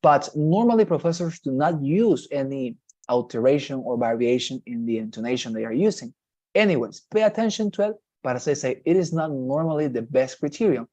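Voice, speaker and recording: A man's voice: mid-range voice, expressive, fairly quick, darkish tone, dull audio. A man with a Spanish accent teaching English test strategies in an online class, explaining patiently and repeating his key points.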